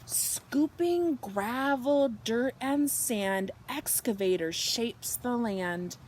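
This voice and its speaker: A woman reading a picture book aloud to young children, expressive and animated, drawing out her words and softening for bedtime lines. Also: a little high, slight background noise. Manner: slow, animated delivery with drawn-out words and hushed, whispered good nights. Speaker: children's storybook reader.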